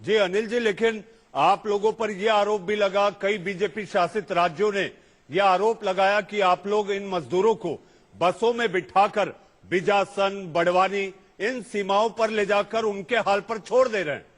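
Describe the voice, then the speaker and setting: A man's voice: high voice, steady tone, unhurried. A middle-aged man interviewing a guest on a news broadcast, asking pointed, probing questions in a formal, respectful way, his voice carrying a heavy echo.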